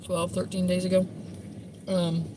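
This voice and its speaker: A woman's voice: medium pitch, moderate pace. A woman co-hosting a casual live stream from a car, chatting and reading viewer comments aloud. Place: inside a car on the road. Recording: car road noise.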